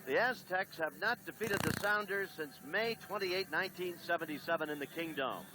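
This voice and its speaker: Brief: man, raised pitch, play-by-play announcer, old noisy TV broadcast. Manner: brisk, reads lineups and notices. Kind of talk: 1970s TV sports broadcast. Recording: old TV broadcast with steady noise.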